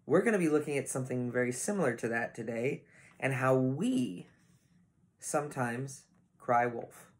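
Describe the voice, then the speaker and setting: A man's voice: medium pitch, normal speed. A man teaching a youth Bible lesson as a pastor, casual and storytelling, acting out quotes.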